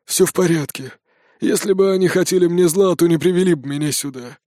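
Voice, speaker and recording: A man's voice: sits high, fairly quick, warm tone, dry recording, studio quality, voice pushed up, natural voice. A man voicing a wounded old dwarf craftsman who speaks weakly, groaning and grumbling. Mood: weak pleading.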